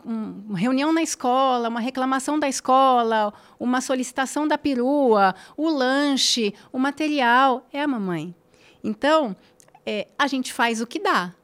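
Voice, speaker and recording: A woman guesting on a podcast as an influencer speaks casually and emphatically in a fairly high voice. She repeats phrases for emphasis and checks in with tag questions.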